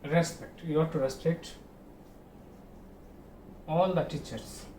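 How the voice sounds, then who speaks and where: With a Bangladeshi accent, a male school teacher delivers an online grammar lesson, repeating points didactically and posing questions he then answers himself. His voice is slightly high, slow, fairly even in intonation and a little mellow, picked up by a distant mic in an echoey room with faint noise.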